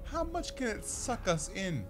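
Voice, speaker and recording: A man's voice: high-pitched, very animated, unhurried, over loud music. A man giving casual, sarcastic commentary as he plays a game, swearing often. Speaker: gamer. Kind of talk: casual let's play commentary.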